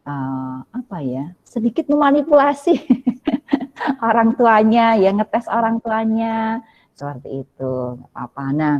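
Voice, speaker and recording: A woman speaking on a video call, explaining child development gently and with many hesitations while answering a parent. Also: on the high side, very animated, a little slow. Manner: gentle, hedging, many fillers and "ya" tags. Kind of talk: live webinar Q&A, explaining to a parent. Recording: dull lo-fi video call audio.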